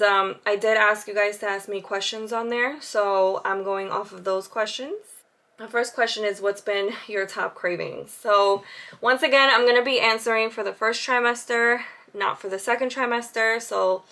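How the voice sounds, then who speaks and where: A woman's voice: medium pitch, steady tone, moderate pace, pushed and bright. A woman in her thirties chatting casually to camera as a vlogger, laughing often and filling gaps with ums while she does her makeup. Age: 30s. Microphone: camera with side viewfinder.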